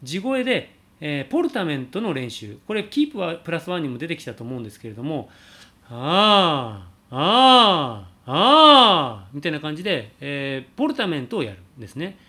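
A man teaching singing, calmly answering a viewer's question about high notes and showing sung slides. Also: quick pace, few pauses. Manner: explains calmly, demonstrates sliding sung vowels.

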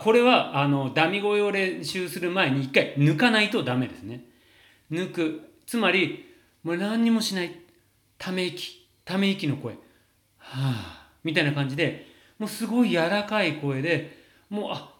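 A man coaching singing, answering viewer questions in a lively, explanatory way with frequent fillers. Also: high voice. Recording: roomy echo.

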